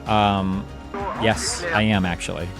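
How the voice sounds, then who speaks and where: Streamer, male, low register, sarcastic and swearing, rambling, loud music underneath. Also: fairly even intonation, takes it slowly. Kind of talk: casual stream chat reacting to clips.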